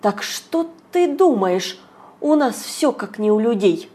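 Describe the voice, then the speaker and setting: Brief: female audiobook reader, fairly high voice, lively first-person narration. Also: slow.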